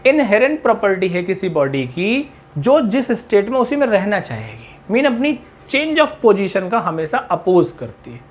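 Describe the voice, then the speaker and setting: A middle-aged man lecturing a class on physics, chatty and full of questions to his students. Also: high-pitched. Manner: chatty, mixes English terms into explanations, asks the class questions. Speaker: physics teacher.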